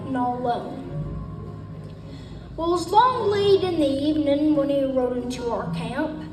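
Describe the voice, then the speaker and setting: Woman cowboy poet, high-pitched and unhurried, telling folksy trail verse in an echoey venue. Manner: storytelling recitation in folksy ranch idiom. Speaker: cowboy poetry performer and singer. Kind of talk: cowboy poetry recitation. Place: live gathering stage, roomy space. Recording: roomy live performance, distant mic, music.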